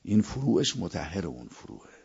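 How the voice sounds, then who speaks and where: A man's voice: low-pitched, big pitch swings, vocal fry, darkish tone, breathy edge, muffled recording. A man preaching a sermon, quoting verses in Arabic and telling anecdotes. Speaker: cleric.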